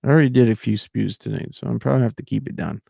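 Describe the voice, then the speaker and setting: A man talks to his livestream viewers in a rambling, heated way, circling back and restarting his sentences. His voice is gravelly and dark, and the sound is dry and close with no room around it. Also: medium pitch, racing, dry recording. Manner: ranting, repetitive, trailing off. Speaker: livestream host.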